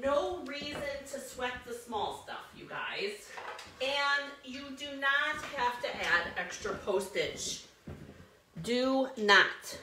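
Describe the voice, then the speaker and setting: A woman's voice: high voice, big pitch swings, slow pace, background noise. A woman hosting a live card-making stream, chatty and bubbly, greeting viewers by name as she works. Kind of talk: live crafting stream chat.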